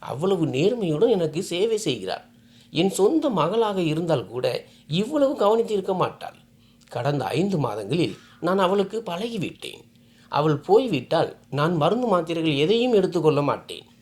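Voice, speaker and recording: A woman's voice: lowish voice, sing-song, normal speed, a little mellow. A woman voicing a tearful, loving old mother. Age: older. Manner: pleading, emotional.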